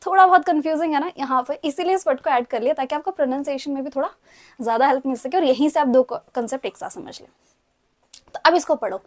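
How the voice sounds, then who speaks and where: High-voiced chatty Indian woman teaching. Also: quick pace, darkish tone. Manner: chatty, mixes Hindi with English, coaxes viewers to repeat words. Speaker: language teacher. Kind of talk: casual online lecture.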